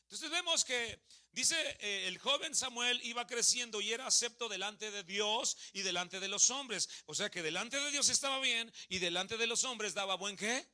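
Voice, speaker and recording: A man's voice: high-pitched, moderate pace. A Mexican man in his thirties preaching a sermon in a church hall, asking the congregation questions and joking with them. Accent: Mexican Spanish. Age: 30s. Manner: lively, asks the congregation questions and jokes with them.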